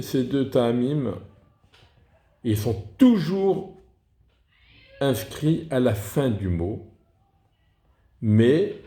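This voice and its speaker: A man explaining reading rules in a deliberate lesson, often restarting his words. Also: lowish voice, dark tone. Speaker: Torah reading teacher. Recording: echoey room.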